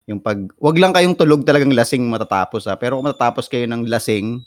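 A man co-hosting a podcast in casual chat, relaxed and musing. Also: medium pitch, quick pace, no room sound, clean studio sound. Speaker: podcast co-host.

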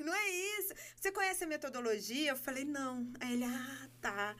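A Brazilian woman telling a story in casual podcast chat, animated and laughing as she acts out dialogue. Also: sits high, a little fast. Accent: Brazilian Portuguese. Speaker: guest.

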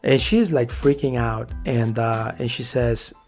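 Mexican-born guy telling his story on a podcast, gravelly voice, gets really into it, faint music behind. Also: mid-range voice, unhurried. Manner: earnest, animated storyteller who acts out quoted dialogue. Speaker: guest. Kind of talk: casual storytelling interview.

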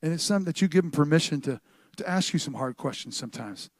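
A middle-aged man preaching a sermon to a live congregation in an animated, conversational way, often restarting his sentences and swinging between loud and soft. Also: fairly high pitch, fast, no room sound. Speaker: pastor. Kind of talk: sermon with church announcements. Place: church service with a live congregation.

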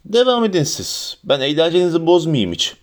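A man's voice: fairly high pitch, very animated, a little fast, pitched above the performer's own voice. A man voicing a sulky, resentful teenage boy with a sarcastic edge in an audiobook reading.

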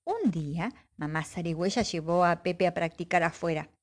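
A woman's voice: lowish voice, expressive, moderate pace. A woman reading a children's storybook aloud expressively, acting out sound effects.

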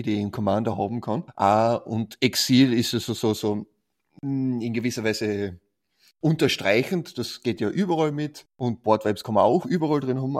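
A man co-hosting a casual card game podcast. His voice is of average pitch. He asks questions and hesitates with fillers. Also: darkish tone. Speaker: co-host.

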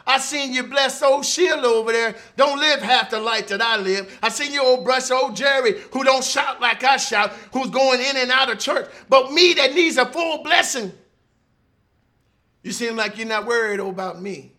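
A man preaching, voicing a desperate grieving father who pleads and shouts. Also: very high voice, normal speed. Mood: hurt.

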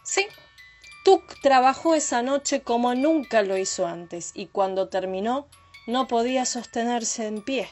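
Expressive woman telling a story. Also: fairly high pitch, measured pace, soft background music. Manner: lively, expressive. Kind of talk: storybook narration.

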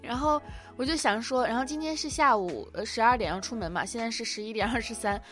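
A bright, higher-voiced young woman chats through a cozy home podcast, giggly and self-mocking. Soft music plays faintly beneath her voice. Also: quick pace. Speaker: podcast host. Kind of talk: casual personal radio chat.

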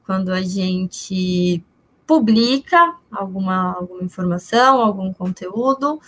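Brazilian woman explaining, fairly high voice. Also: fairly bright tone. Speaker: guest expert. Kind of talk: informal explanatory talk.

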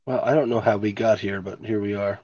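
A laid-back podcast host with a stuffy nose swears casually during a relaxed chat he records remotely from home on a home microphone. He speaks fairly quickly in a lowish, steady, slightly mellow voice, and the muffled recording has no echo.

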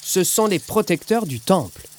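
A friendly young fisherwoman who explains things to the children, as a man narrator puts her on. The voice is lifted high and lively in a children's audiobook. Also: moderate pace, slight background noise.

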